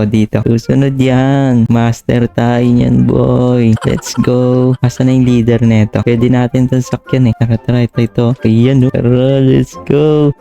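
A man giving chatty, excitable Minecraft let's-play commentary, often calling out to his viewers. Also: medium pitch, creaky. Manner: chatty, keeps saying "boy" and "tara, tara", excitable. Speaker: gaming YouTuber. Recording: slightly dull lo-fi voice with game music behind.

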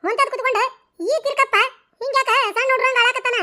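Woman voicing a shrill cartoon village mother, very high and bright, scolding and wailing. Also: level tone, quick pace, full character voice. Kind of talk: cartoon dialogue.

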